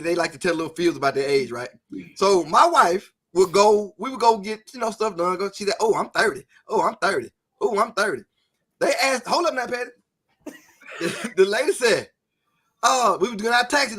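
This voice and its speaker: High, lively-voiced teasing man. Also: husky. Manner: playful teasing, quick repeats and laughter. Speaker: pastor and show host. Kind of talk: casual banter among co-hosts.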